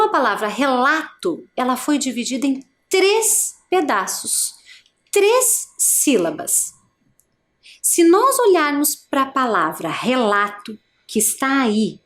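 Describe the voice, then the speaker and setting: Lively high-voiced woman teaching patiently. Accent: Brazilian Portuguese. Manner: slow, patient, syllable-by-syllable explanation; addresses the learner directly with encouraging questions. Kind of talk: adult education video lesson.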